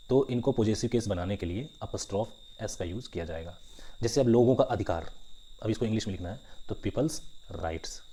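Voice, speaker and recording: Deep, mellow-voiced male grammar teacher. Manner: explains in Hindi mixed with English, keeps asking "understood?". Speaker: exam-prep English grammar teacher. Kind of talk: online grammar lesson. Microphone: writing with a pen tablet while teaching.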